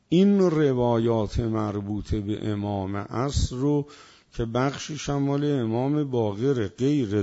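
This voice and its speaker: A man preaching a sermon, slowly drawing out word lists for emphasis. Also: medium pitch, darkish tone. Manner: stretches out listed words for emphasis. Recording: dull lo-fi recording.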